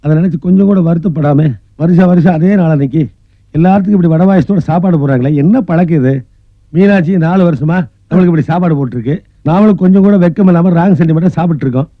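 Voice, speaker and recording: Actor as a quick, blustering landlord, raised pitch, muffled film track. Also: male voice, no echo, lightly acted. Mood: lamenting. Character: blustering fast-talking male landlord. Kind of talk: Tamil film comedy dialogue. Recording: dull film soundtrack.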